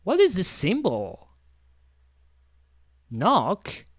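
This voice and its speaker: Brief: male VTuber, unhurried, meandering self-talk, animated pitch swings. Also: husky, dry recording, studio quality. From French-speaking. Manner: rambling, self-talking, many fillers and restarts. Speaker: VTuber streamer. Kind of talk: casual stream chat.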